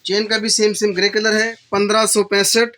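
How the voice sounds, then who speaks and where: A male shopkeeper with a Pakistani accent, briskly listing handbag colors and prices for a shop video. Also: sits high, little pitch movement, background noise. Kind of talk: sales pitch for a shop video. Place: indoor bag shop.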